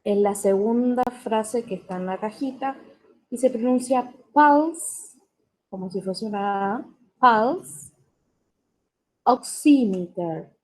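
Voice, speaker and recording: A woman teaching an English class, saying each new word slowly and carefully and repeating it so students can write it down. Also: mid-range voice, warm tone, poor audio. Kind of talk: classroom vocabulary lesson.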